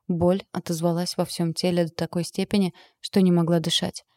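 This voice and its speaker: A woman narrating a first-person audiobook in an even, steady reading. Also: on the low side, normal speed, dry recording.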